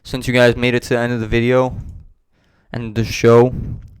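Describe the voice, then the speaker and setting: A man's voice: medium pitch, completely flat delivery, moderate pace, clean tone. A man hosting a business vlog, talking casually to camera and repeating himself as he rambles. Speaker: host of a business channel.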